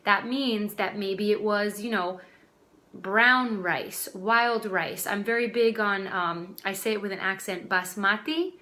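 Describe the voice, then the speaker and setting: Bright-voiced chatty woman coach. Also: mid-range voice, slow pace. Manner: chatty, direct, addresses viewers as guys. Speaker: health coach. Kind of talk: casual vlog talk. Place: home dining room.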